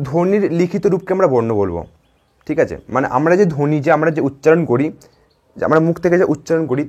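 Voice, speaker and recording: Speaking quickly, a man teaches grammar to young pupils, his voice a touch high with a darkish tone. His style is repetitive, returning to key terms and frequently asking "ঠিক আছе?" to make sure they're following.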